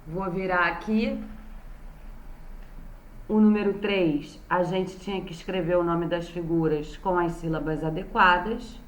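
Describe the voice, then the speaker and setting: Slow, patient Brazilian teacher in echoey room. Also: female voice, lowish voice, steady tone. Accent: Brazilian Portuguese. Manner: patient, sounds out words syllable by syllable. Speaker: primary school teacher. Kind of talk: remote lesson recap for young children. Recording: roomy echo.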